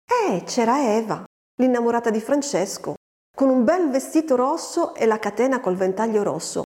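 A woman's voice: a little high, animated, normal speed, warm tone, big-room sound, voice pushed up, natural voice. A woman doing a cheeky wild little girl. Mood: chattering. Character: hungry, feisty orphan girl, spiteful and sly.

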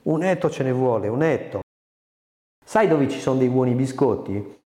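A man's voice: mid-range voice, animated, moderate pace, warm tone, pitched above the performer's own voice, natural voice. A man voicing a mild, joking husband in a book reading. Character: weary, easygoing husband. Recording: echoey reverberant room.

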